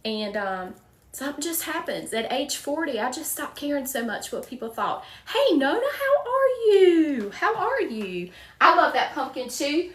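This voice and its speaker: Very animated and high-pitched, a woman in her forties speaks at a measured pace with a slightly bright tone, sounding reverberant and far from the mic. She's a Southern-accented wreath-making livestream host from a small Virginia town who chats with viewers and greets them by name.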